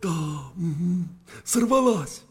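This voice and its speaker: A man's voice: sits high, animated, slow pace, darkish tone, voice pushed up. A man doing a mumbling greedy wolf. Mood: muttering. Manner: mumbling, stammering, hemming. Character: muttering greedy male wolf, hasty. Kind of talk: storybook narration.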